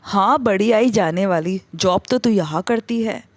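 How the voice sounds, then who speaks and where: A woman's voice: medium pitch, unhurried, no room sound, natural voice. A woman voicing a greedy, complaining middle-aged mother-in-law who scolds and pities herself. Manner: scolding, self-pitying complaints.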